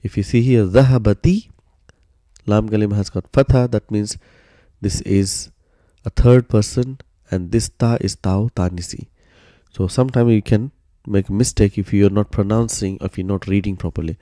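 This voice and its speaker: A man explaining grammar step by step in a recorded lesson, patient and steady, often starting sentences with "so" and pausing on "uh.". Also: lowish voice, dry recording, studio quality. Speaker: Arabic grammar teacher.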